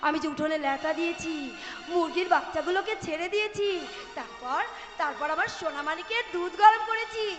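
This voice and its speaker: An actress playing a chatty, teasing village wife in a Bengali stage drama, familiar in manner. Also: female voice, very high voice, animated, brisk, few pauses. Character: chatty, teasing rustic wife scolding her husband. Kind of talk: Bengali jatra stage acting. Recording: echoey hall, music clearly behind.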